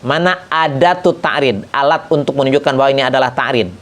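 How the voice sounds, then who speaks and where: A man teaching a religious kitab study lesson, explaining step by step and reciting Arabic examples slowly. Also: medium pitch, a bit bright.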